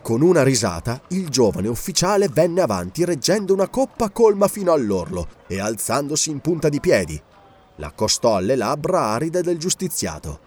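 A man narrating a dark adventure story as an audiobook, grave and expressive. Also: fairly high pitch, normal speed.

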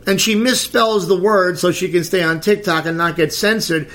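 On his podcast, a middle-aged man gives crude, sarcastic commentary on celebrity gossip. His voice sits high with a fairly bright tone, and his pace is moderate.

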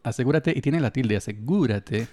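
A man's voice: mid-range voice, animated, normal speed, background noise. A man hosting a casual podcast, reading items aloud with jokey asides. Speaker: podcast host.

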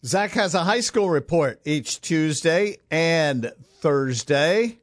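A man's voice: a little high, animated, slow, no echo, studio quality. A man hosting a sports talk radio show, with processed broadcast sound. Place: dry radio studio.

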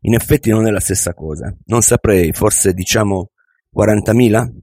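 A man's voice: fairly low pitch, moderate pace, darkish tone, slightly rough, dry recording. A man voicing an earnest young man who answers hesitantly and with doubt, read as an audiobook. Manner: hesitant, unsure. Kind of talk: audiobook reading.

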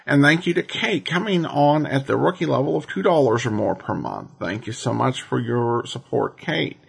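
A man with an American accent hosting a podcast, reading announcements in an informal, halting way. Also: mid-range voice, creaky, husky. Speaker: podcast host.

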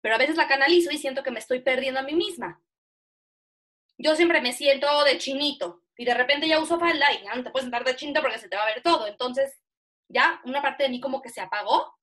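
A young Mexican woman with a Mexican Spanish accent, teaching an online class in a chatty, animated, self-mocking way over a video call. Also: high-pitched, fast. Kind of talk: casual online lesson.

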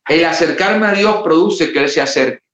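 Passionate pastor preaching. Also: male voice, on the high side, normal speed, a bit bright. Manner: impassioned preaching, acting out quoted voices. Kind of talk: sermon. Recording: roomy, slightly dull sound.

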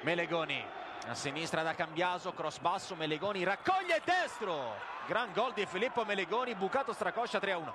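A man doing excited live play-by-play commentary on football goals. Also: high voice, a little fast. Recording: loud noise behind commentary.

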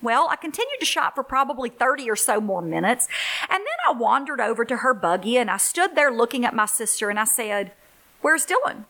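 A middle-aged woman, a ministry leader hosting a faith-based podcast for single moms, tells stories with warm, earnest encouragement. Her voice is fairly high and fairly quick, with big pitch swings.

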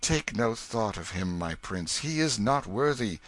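A dying old king, played by a man thunders his commands in raised, loud, archaic speech. His pitch swings widely and the tone is bright, in a dry recording. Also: lively intonation, unhurried, no echo. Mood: tender, weary. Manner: archaic, imperious declamation.

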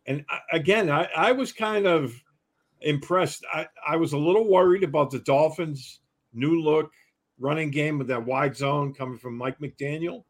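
A man's voice: fairly high pitch, normal speed. A man giving football analysis on a casual sports show, rambling and filling with "you know".

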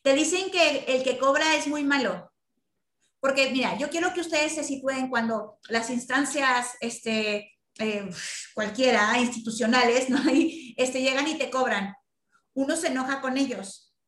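A woman's voice: high voice, measured pace, a bit bright, echoey room. A woman leading a group talk, emphatic and acting out quoted lines. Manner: emphatic, acts out quoted speech. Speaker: workshop leader. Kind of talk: group talk over video call.

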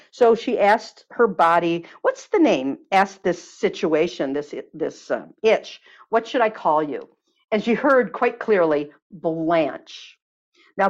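A woman telling a healing story at length, then leading a listener through a guided exercise, with lots of fillers. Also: on the low side. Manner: warm, lively storyteller, many fillers. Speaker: guest teacher on body healing. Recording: dull lo-fi sound.

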